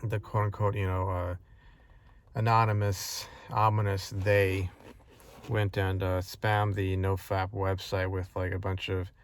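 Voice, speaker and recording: Brief: low monotone man, rambling earnest vlog talk full of fillers. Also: a little slow, a little hiss or hum. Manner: rambling, many fillers and restarts; frustrated, earnest. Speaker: vlogger. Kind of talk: casual personal vlog monologue.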